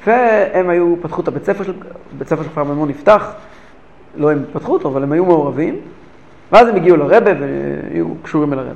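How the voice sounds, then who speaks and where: A man teaching a religious lesson who tells stories with animated, repeated phrases for emphasis. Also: fairly high pitch, creaky, muffled recording. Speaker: rabbi teacher. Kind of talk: lesson storytelling.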